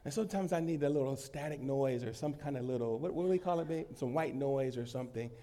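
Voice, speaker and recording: A man preaching a sermon to his congregation as pastor while he has a cold. He swings between loud emphasis and quiet asides and laughs easily. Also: mid-range voice, quick pace. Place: church in front of a congregation.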